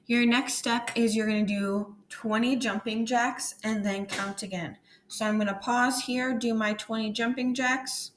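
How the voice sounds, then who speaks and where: Woman teacher, fairly high voice, steady instructional delivery, faint background hiss. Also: unhurried. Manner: steady instructional tone, demonstrating hands-on steps. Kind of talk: recorded classroom lesson walkthrough.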